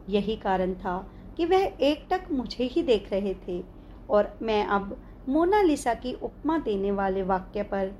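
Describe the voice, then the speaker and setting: A woman narrating her own spiritual memoir in the first person, in an expressive, heartfelt and reflective way. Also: medium pitch, a little hiss or hum.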